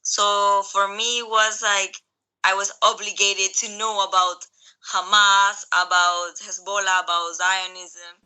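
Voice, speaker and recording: Bright-voiced young woman, hesitant speech. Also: mid-range voice, level tone, slow pace, clean tone, rough recording. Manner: hesitant, many fillers and restarts. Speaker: interviewee. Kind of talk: casual conversational recollection. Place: Greece.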